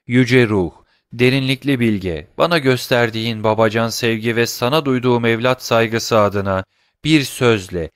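A man voicing a grave, wealthy male count in a storybook reading, speaking in a solemn, measured way. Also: medium pitch, a bit bright, clean tone, no echo, studio quality, natural voice.

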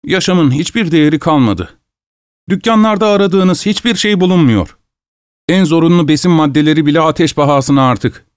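A man's voice: a little high, moderate pace, smooth, no echo, studio quality, voice pushed up, natural voice. A man voicing a stingy, anxious male host who speaks with strained, ingratiating politeness. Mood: plaintive.

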